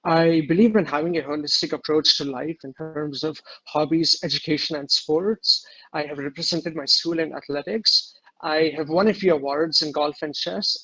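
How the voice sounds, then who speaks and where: A man's voice: a little high, steady tone, moderate pace, bright, forceful tone. Young man on a muffled video call. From Switzerland. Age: young adult. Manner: polished, rehearsed self-introduction, hesitant on questions. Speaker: admission candidate. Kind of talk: online group interview. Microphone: computer microphone on a video call.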